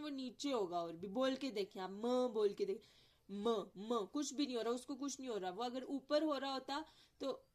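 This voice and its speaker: A woman giving a phonetics lesson, explaining step by step, demonstrating sounds aloud and often asking if it is clear. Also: a little high. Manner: mixes in English terms, demonstrates sounds aloud. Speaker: teacher. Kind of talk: phonetics lecture.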